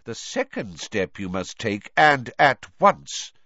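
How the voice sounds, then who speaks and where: Audiobook role: man playing powerful old wizard, composed and commanding, measured delivery with animated melody. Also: mid-range voice, dry recording, dull audio, voice pushed up. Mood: urgent, commanding. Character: calm, authoritative, powerful elderly male wizard.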